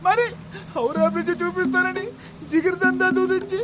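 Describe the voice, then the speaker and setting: A man's voice: very high voice, little pitch movement, brisk, music in the background. An actor playing an angry young man who scolds and insults his brother-in-law, in a dubbed film comedy. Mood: scolding. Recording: dull film soundtrack with noise.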